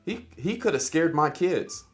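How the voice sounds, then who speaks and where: Animated chess streamer with a drawl. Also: male voice, a little high, unhurried, faint music behind. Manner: animated, joking with chat, hyper. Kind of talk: casual livestream chess lesson.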